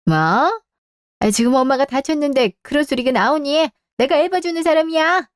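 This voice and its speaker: A plaintive, sighing mother in later life, played by a woman in a radio drama. She sounds hurt and put upon, in a somewhat high voice. The recording is dry and close. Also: expressive, unhurried, smooth, no room sound. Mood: indignant. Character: hurt, aging mother and grandmother. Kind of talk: Korean radio drama acting.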